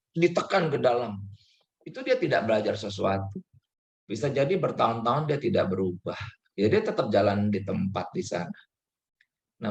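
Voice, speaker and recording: A man's voice: fairly low pitch, vocal fry. A man who is a pastor, giving a conversational sermon with English terms mixed in, acting out little dialogues and laughing now and then.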